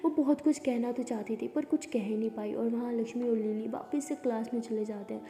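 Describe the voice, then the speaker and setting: A woman storyteller narrating a romance in a very dark, mellow voice, pitched a bit high. She sometimes drops to a soft whisper. The room is echoey with a long reverb tail. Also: steady tone, a little fast. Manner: softly dropping to a whisper in intimate scenes.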